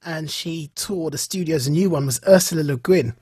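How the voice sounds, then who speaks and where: An Englishman with a British accent co-hosts a podcast, chatting casually and telling anecdotes while acting out reactions along the way. His voice is fairly high, mellow and husky, captured in studio quality with no room sound.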